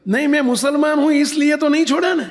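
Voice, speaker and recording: A man's voice: very high voice, fast, voice pushed up. A man voicing a humble, pious elderly woman who calls out and pleads earnestly. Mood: insistent. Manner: pleading, calling out.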